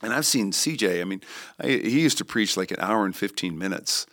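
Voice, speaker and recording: A man, a worship pastor, talking in a relaxed podcast conversation, thinking aloud with frequent restarts and fillers. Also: fairly low pitch, fairly quick. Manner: thoughtful, rambling with restarts and fillers.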